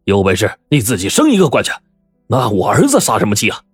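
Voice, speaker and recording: A deep-voiced, blustering old squire, as a male storyteller plays him, spoiling his son and dismissing any scolding. The voice is dry and close, over faint music. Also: level tone, moderate pace, a little mellow, no echo, close to an everyday voice. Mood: angry. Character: indulgent wealthy old squire, hot-tempered.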